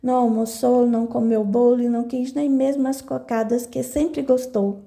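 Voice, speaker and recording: A woman's voice: on the high side, fairly even intonation, normal speed, vocal fry, mellow. A woman voicing a blunt, curt old female cook on a farm in an audiobook.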